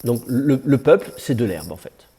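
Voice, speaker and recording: A man's voice: medium pitch, animated, normal speed, dark tone, breathy edge. A man teaching biblical Hebrew to a class, with a conversational, digressive manner and joking asides. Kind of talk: classroom lecture.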